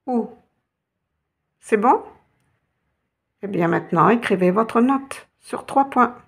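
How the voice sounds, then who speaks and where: A woman's voice: fairly high pitch, expressive, slow pace, gravelly, husky. A woman teaching a lesson, patiently guiding learners step by step and spelling out letters. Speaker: Arabic teacher.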